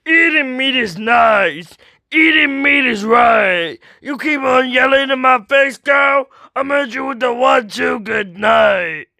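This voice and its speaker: A man putting on a loud, strained, high voice to chant a taunting rhyme in a sing-song way. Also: lively intonation, slow, creaky, dry recording, studio quality, full character voice.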